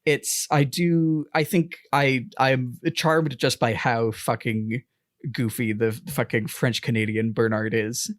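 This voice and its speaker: A man's voice: medium pitch, steady tone, slow pace, dry recording, studio quality. A man co-hosting a podcast in a casual chat, rambling, laughing often and swearing freely. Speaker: podcast co-host.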